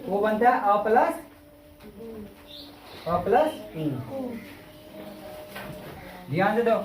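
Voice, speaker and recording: A woman's voice: mid-range voice, very animated, a little hiss or hum. Teacher woman drilling vowels in echoey classroom. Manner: repetitive questioning, drawn-out vowel demonstrations, scolding. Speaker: Hindi grammar teacher. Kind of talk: classroom lesson with call-and-response drilling. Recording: echoey room from far off.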